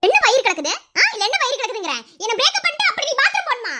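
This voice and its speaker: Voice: very high voice, very animated, very fast, very noisy. A voice actor playing a bossy, teasing young woman in a cartoon who mocks and scolds her boyfriend. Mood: mocking. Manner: mocking, scolding, laughing while she taunts. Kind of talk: cartoon voice acting.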